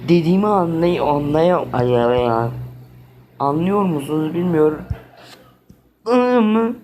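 Here the let's-play host speaks at a fairly high pitch and normal speed, his tone a little mellow over slight background noise. Exasperated, he comments as he plays, talking to the game as much as to his audience.

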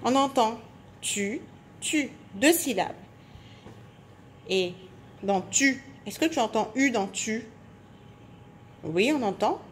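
A woman teacher giving a phonics lesson to young children, speaking slowly and clearly articulating, stretching out sounds and syllables. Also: on the high side, lively intonation, a little hiss or hum. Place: indoors at a table.

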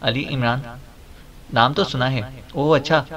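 A man's voice: mid-range voice, steady tone, fairly bright tone, far from the mic, natural voice. A man reading an audiobook voices a cocky young heir who answers in a dry, offhand, mocking way. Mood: flippant.

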